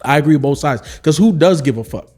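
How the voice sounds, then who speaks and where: A man with a somewhat high voice talks through his views on a podcast roundtable. He speaks loosely, full of fillers and casual asides. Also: animated, fast, a little mellow. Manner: loose, filler-heavy, often asks "you know what I'm saying". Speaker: podcast co-host.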